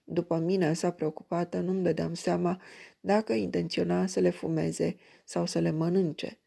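A woman reading a crime story aloud in an even, measured way. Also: lowish voice, vocal fry, slightly rough. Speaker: audiobook reader.

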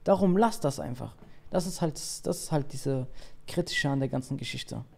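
A man's voice: mid-range voice, lively intonation, moderate pace, gravelly, a little mellow. A male streamer giving casual, slangy reaction commentary and laughing easily.

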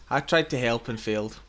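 A man's voice: mid-range voice, a little hiss or hum. A man chatting casually during a co-op game, laughing often and swearing as he teases his friends. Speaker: gameplay streamer. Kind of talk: casual co-op gaming chat.

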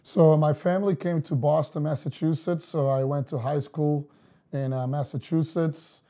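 A man, a soccer coach explaining his methods in an interview, measured with many fillers. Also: a little high, steady tone, dark tone. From Portugal. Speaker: girls' soccer coach, guest. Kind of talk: casual interview talk. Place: studio set with wood backdrop.

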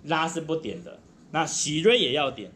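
A man's voice: fairly high pitch, big pitch swings, normal speed, fairly bright tone. A man with a Taiwanese Mandarin accent teaching a group saxophone lesson, patient and encouraging, counting the class in. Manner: patient, counts in and sings demonstrations.

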